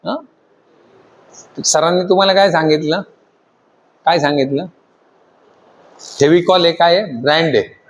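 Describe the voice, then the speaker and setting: A man teaching a class of trainees, constantly questioning the students and urging them to answer louder. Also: on the high side, a little slow, long pauses. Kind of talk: classroom lecture.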